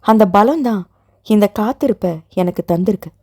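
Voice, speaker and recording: A woman's voice: mid-range voice, normal speed, dark tone, dry recording, studio quality, natural voice. A woman voicing a young woman in love who speaks with pleading emotion. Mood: sorrowful. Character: young woman, tearful guilt-ridden heroine.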